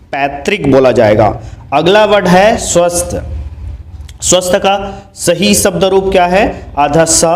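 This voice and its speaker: Male teacher, spells words slowly. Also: a little high, darkish tone. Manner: slow, spells words out letter by letter and repeats them. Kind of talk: Hindi grammar lesson.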